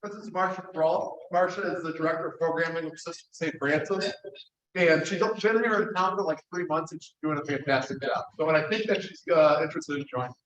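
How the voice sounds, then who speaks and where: A man's voice: a little high, brisk, fairly bright tone. A man casually introducing guests at a club meeting, easygoing and informal. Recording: distant, dull hall sound with faint noise.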